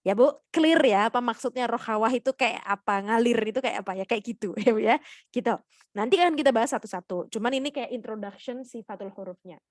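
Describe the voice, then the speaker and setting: A woman's voice: on the high side, a little fast, no room sound, clean studio sound. A woman with an Indonesian accent teaching Quran recitation in an online class, patiently explaining and demonstrating letter sounds while checking in with her students.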